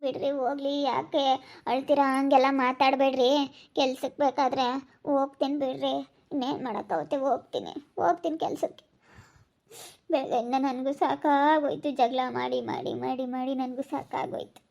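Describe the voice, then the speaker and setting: A woman's voice: high voice, normal speed, vocal fry, darkish tone, highs cut off. A woman acting a worried young wife who soothes her husband with repeated pleas. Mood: pleading. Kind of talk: amateur family drama acting.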